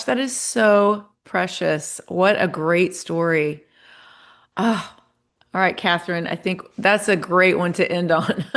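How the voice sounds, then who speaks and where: A woman hosting a podcast in a casual interview chat. She reacts effusively and keeps the talk friendly, in a slightly low voice. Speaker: podcast host.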